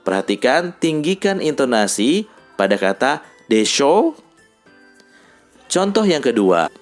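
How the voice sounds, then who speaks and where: A man teaching a language lesson, who reads example dialogues slowly and explains them patiently, with faint music behind him. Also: medium pitch, sing-song.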